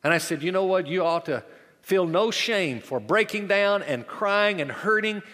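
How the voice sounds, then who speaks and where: A male pastor preaching a sermon, dramatic in delivery, rising loud and falling to a hush. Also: sits high, expressive, normal speed, big-room sound.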